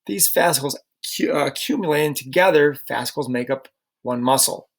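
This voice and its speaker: A man's voice: medium pitch, a little fast, gravelly. A middle-aged man teaching a recorded slide lecture, casual and chatty, often checking in with rhetorical questions.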